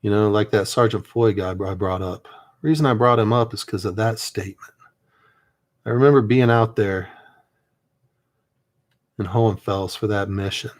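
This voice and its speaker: Soft-spoken man rambling while painting. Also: lowish voice, steady tone, normal speed, pauses often. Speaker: miniature painter and army veteran. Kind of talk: casual reflective chat while painting.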